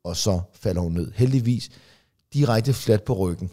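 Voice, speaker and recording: A comedian co-hosting a podcast, telling rambling family anecdotes full of fillers and restarts. He briefly acts out relatives in quick, raised voices. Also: on the low side, warm tone. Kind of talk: casual chat, storytelling.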